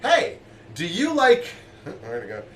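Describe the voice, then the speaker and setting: A high-voiced man hosts a live cooking stream from his basement kitchen, joking around and reading out viewers' messages in an excitable, casual way. He sits a little back from the mic, so his voice sounds slightly distant, and the room adds a noticeable echo. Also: unhurried, a little hiss or hum. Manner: excitable and jokey, reads out chat messages.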